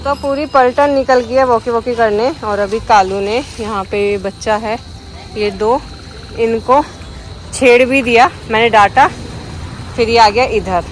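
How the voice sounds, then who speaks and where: A woman's voice: on the high side, steady tone, unhurried, a little hiss or hum. A woman chatting casually as a vlogger on an outdoor walk, talking sweetly to her dogs now and then. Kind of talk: casual vlog chat.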